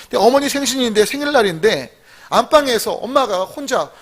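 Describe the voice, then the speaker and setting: A man's voice: very high voice, animated, a little fast. A man pastor preaching a sermon, telling a story and questioning the congregation. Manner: rises to emphatic exclamations.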